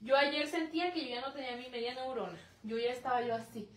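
A young woman with a Mexican accent talks on a livestream in a high voice. Her chat is dramatic and chatty, and she keeps reading her viewers' comments aloud. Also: fast talker, fairly bright tone. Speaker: livestream host.

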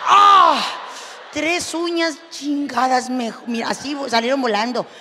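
A young adult woman with a Mexican accent doing stand-up comedy, telling a story and acting out both sides with loud exclamations. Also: high-pitched, moderate pace, slight background noise. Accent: Mexican Spanish. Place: stage before a live audience.

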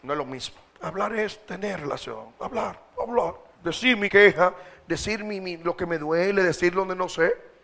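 A man's voice: high-pitched, moderate pace, gravelly, fairly bright tone. A man preaching a sermon, exhorting his congregation in a direct, colloquial way.

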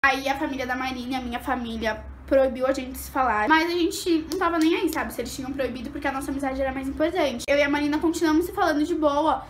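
A young woman vlogger telling a personal story in an animated way, acting out what people said. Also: fast, hardly any pauses, roomy sound, slight background noise. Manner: animated, acts out quotes with big pitch jumps. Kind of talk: storytime vlog.

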